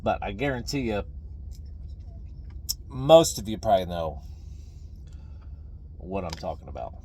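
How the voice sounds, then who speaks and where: A middle-aged man talking casually and ramblingly to viewers, folksy and opinionated, halting and repeating phrases for emphasis. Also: sits low, very animated, dark tone, a little hiss or hum. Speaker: video creator, veteran pipe smoker. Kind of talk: casual rambling talk to camera.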